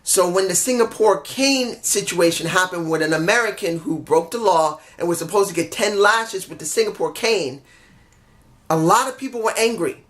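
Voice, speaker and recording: Here a wrestling show reviewer speaks in a high, fairly bright male voice while battling a stuffy head cold. His casual solo review rambles, and he keeps correcting himself, apologizing for mix-ups, and grumbling frustrated asides because he's under the weather.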